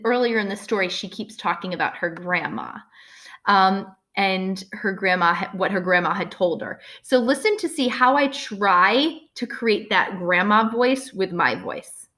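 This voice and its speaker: A woman teacher talks through a lesson in a relaxed, chatty way. Her pitch sits in the middle range, and she keeps adding filler words and asking "right?" to check in with her listeners. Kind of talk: casual recorded lesson.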